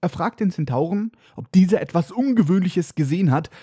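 A man's voice: high voice, animated, fairly quick, dark tone, breathy edge, no room sound, clean studio sound. A man hosting a casual book podcast, recapping chapters with sarcastic, irreverent asides. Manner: sarcastic, irreverent, mock-dramatic. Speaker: podcast host.

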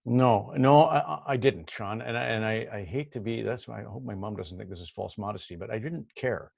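A man's voice: lowish voice, brisk, vocal fry, darkish tone, slightly rough, dry recording. A middle-aged Canadian man telling stories in a casual interview, often repeating words as he starts a thought. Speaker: hockey broadcaster guest.

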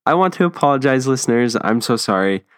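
A man's voice: medium pitch, animated, quick pace, a bit bright, clean tone, no room sound, clean studio sound. Earnest young man hosting a podcast. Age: young adult. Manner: earnest, chatty, with frequent ums and restarts. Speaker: podcast host. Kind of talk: casual solo podcast talk.

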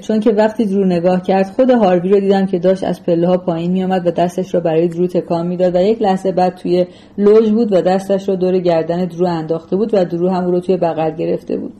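A woman reading a novel aloud as narrator in a measured, even storytelling manner. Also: lowish voice, rough recording. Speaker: audiobook narrator. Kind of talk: scripted literary narration.

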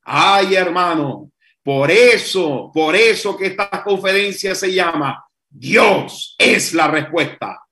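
A man preaching a sermon with passion, building to shouts and repeating phrases for emphasis. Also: high voice, expressive, slow, reverberant. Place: church or conference hall.

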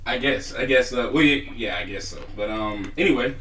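A man's voice: medium pitch, fairly quick, a bit bright, reverberant, distant mic, poor audio. A man hosting a casual chat podcast, talking in a laid-back, rambling way and laughing often. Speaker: podcast host.

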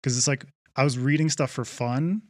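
An excited man hosting a podcast, swearing freely and acting out his own past thoughts in casual chat. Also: medium pitch, moderate pace, dry recording, clean studio sound. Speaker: podcast host.

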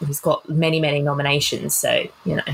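A woman's voice: low voice, level tone, fairly quick, gravelly, slight background noise, rough recording. A woman co-hosting a podcast, chatting casually about films, rambling with fillers and restarts. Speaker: podcast co-host. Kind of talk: casual film chat.

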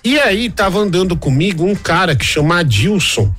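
A man from Brazil telling a story casually on the radio, acting out other people's lines with big jumps in pitch. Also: moderate pace, husky, faint music behind. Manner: animated, acts out quoted voices with big jumps in pitch. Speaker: radio reporter.

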